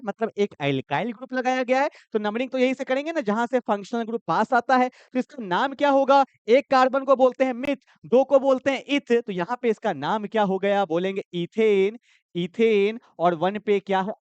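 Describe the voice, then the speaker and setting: A high, lively male voice that swings widely in pitch as he leads a quick chemistry lesson. He keeps asking questions aloud and then answers them himself. The sound is dry and a bit dull, like a lo-fi recording. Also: clean tone, no room sound. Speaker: chemistry teacher. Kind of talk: energetic board-exam lesson.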